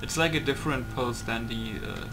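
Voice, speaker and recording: This man makes gaming videos, and here he talks briskly in a mid-range voice, musing aloud in loose, wandering commentary while playtesting a game. Video game sounds fill the background.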